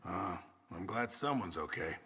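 An actor playing a good-natured middle-aged camp cook in a video game, calling to a horse and making small talk. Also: male voice, sits low, expressive, measured pace, creaky, husky, in a large hall, full character voice. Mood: sympathetic. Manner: shouted horse-driving calls, then mild small talk. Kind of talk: game voice lines.

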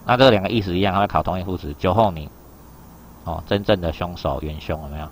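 Speaking quickly in a deep voice, a male Japanese teacher runs an exam reading lesson over slight background noise. His explanations are loose and conversational, and he repeatedly asks if the class is keeping up.

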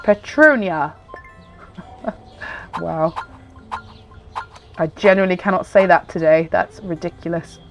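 Her voice sits fairly low this time, and she talks slowly with long pauses while faint music plays. Still congested and nasal from a cold, the woman hosting the gaming video rambles casually and keeps cutting herself off mid-thought.

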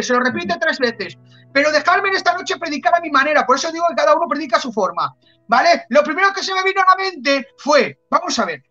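A man's voice: very high-pitched, pushed and bright, highs cut off. A man preaching a testimony sermon with a Spanish accent from Spain, fervent and repetitive, telling a story.

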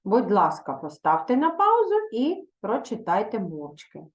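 A woman's voice: medium pitch, huge pitch swings, unhurried. A woman teaching a recorded video lesson for young pupils, patient and instructive, reading verse expressively. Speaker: primary school teacher. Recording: echoey room.

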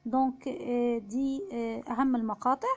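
A woman with an Egyptian Arabic accent giving an online French pronunciation lesson, patiently repeating each example word slowly. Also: a little high, steady tone, dull audio. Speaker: French teacher.

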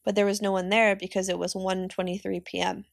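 A woman reads a novel aloud for her students, steady and unhurried. Her voice sits in a middle register. The sound is dry and close, with no room around it. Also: mid-range voice, gravelly, no room sound. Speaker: teacher reading aloud. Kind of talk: audiobook reading of a novel.

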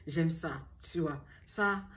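A woman's voice: deep voice, slow, fairly bright tone, slight background noise. A young woman from Ivory Coast with an Ivorian French accent, talking to camera in a chatty, teasing vlog. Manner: talks straight to the viewer, teasing, with playful asides. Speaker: beauty vlogger.

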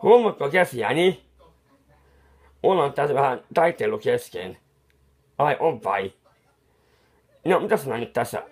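A man's voice: mid-range voice, expressive, pauses often, a little mellow, breathy edge. A man playing a bumbling, befuddled clown painter who rambles in confused mutters with restarts, kindly fussing over someone crying. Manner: soothing, scolding someone who cries. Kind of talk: comic improvised monologue.

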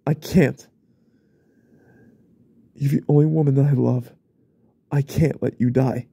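A young man voicing an unstable, remorseful young husband in a whispered role-play, stammering and repeating himself in a husky, often whispered voice. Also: mid-range voice, fairly even intonation, a little slow, mellow, no room sound. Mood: panicked. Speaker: ASMR role-play creator.

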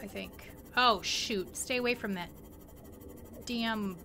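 A woman playing a video game and commenting excitedly, talking to the creatures she meets. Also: mid-range voice, slow, creaky, slight background noise. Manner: excitable, exclaiming, talks to creatures. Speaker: gameplay streamer. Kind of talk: let's play commentary.

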